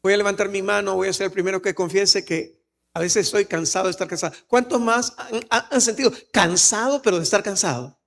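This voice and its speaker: The brisk, gravelly voice here is high and fairly bright, belonging to a pastor with a Salvadoran Spanish accent. His sermon is heartfelt and personal, sometimes swelling into forceful exclamations.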